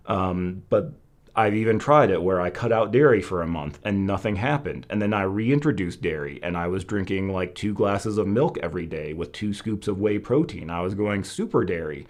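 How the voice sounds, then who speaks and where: Low-pitched man thinking aloud casually. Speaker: host of a Chinese medicine Q&A. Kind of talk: casual live Q&A talk.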